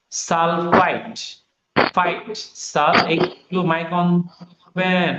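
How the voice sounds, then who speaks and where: A man's voice: on the high side, noisy background. A male teacher giving an online class lesson, who repeats key words and quizzes his students as he goes. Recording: roomy, dull online class audio.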